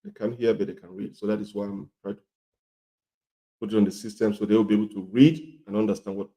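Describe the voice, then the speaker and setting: Male health presenter, coarse gravelly voice thick with a cold, very dark tone, repetitive and emphatic instructional delivery. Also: on the low side, fairly even intonation, quick pace. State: congested and hoarse with a cold. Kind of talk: instructional talk to viewers.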